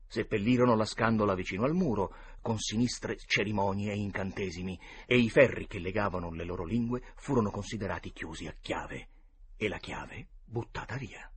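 A man's voice: on the low side, normal speed, a little hiss or hum. A man narrating a classic novel as an audiobook with a dramatic, varied delivery. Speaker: audiobook reader. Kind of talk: expressive storybook narration.

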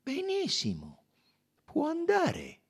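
A fussy, gentle detective speaks high and precise, as a man reads him in an audiobook. The voice has a husky edge and lively swings in pitch. He coaxes and insists by turns. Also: a little slow, heavily acted. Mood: curt.

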